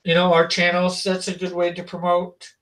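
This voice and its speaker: A man hosts an informal livestream in a casual, conversational tone. His delivery is halting and unpolished, feeling its way from phrase to phrase. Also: high-pitched, monotone, fairly bright tone, distant mic, low-quality recording. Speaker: host of an online comics art auction.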